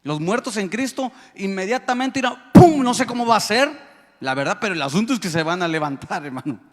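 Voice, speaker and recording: A man's voice: sits high, lively intonation, a little fast, fairly bright tone, big-room sound. A man with a Mexican Spanish accent preaching a sermon as pastor, emphatic and joking with the congregation. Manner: emphatic, calls out to the congregation, jokes. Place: church hall.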